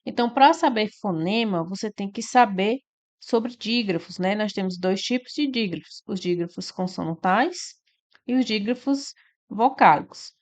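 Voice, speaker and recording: A woman's voice: mid-range voice, expressive, normal speed, a little mellow. A woman, teaching an exam-prep lesson and walking through each answer step by step with frequent tag questions.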